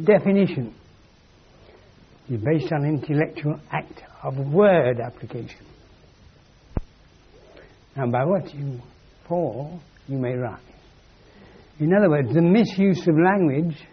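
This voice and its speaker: A man's voice: a little high, husky. A man giving a philosophical lecture in a wry, emphatic way, on a dull lo-fi recording. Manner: wry, emphatic, acts out quoted voices.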